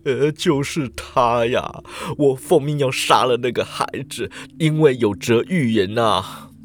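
A man's voice: fairly high pitch, animated. A man putting on a frightened old shepherd. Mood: pleading. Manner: slow, moaning, pleading delivery.

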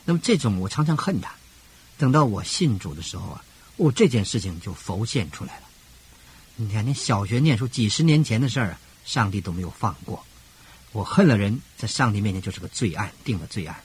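An older man preaching a radio sermon as pastor, emphatic, with rhythmic parallel phrasing and sudden rises in pitch. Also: lively intonation, fairly quick, a little mellow, breathy edge.

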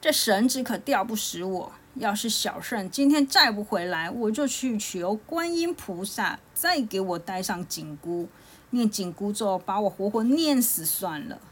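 A woman's voice: mid-range voice, expressive, unhurried, husky. A woman voicing the monkey king as a wry, doting father in a storybook tale.

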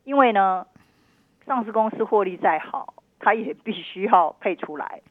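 A woman's voice: medium pitch, animated, normal speed. Over a narrow, tinny phone line, a middle-aged woman with a Taiwanese Mandarin accent speaks as an investment analyst. She is emphatic and cautioning, with a dry sound and no room echo. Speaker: investment analyst, radio guest. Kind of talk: live market commentary interview.

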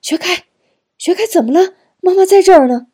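A woman's voice: extremely high pitch, lively intonation, brisk, dark tone, pitched above the performer's own voice. A woman voicing a frantic mother pleading for help for her sick son, in an audiobook. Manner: pleading, urgent.

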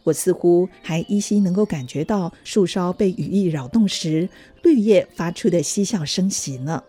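A woman reading a children's story aloud in a gentle, even manner. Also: on the low side, normal speed, breathy edge, soft background music. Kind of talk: scripted storybook narration.

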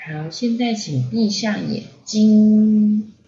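A woman voicing a cheerful young mother in a storybook reading, with a brisk, motherly manner. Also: mid-range voice, mellow, roomy sound. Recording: slightly dull lo-fi audio.

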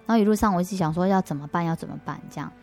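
A woman with a Taiwanese Mandarin accent appears as an interview guest, speaking in a fairly low voice at a rapid-fire pace. She earnestly shares her faith testimony, frequently restarting her sentences. Soft music plays faintly in the background.

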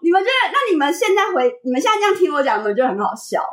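A woman's voice: high-pitched, big pitch swings, rapid-fire. A young woman with a Taiwanese Mandarin accent telling a dramatic story in casual podcast chat, often laughing. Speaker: podcast guest.

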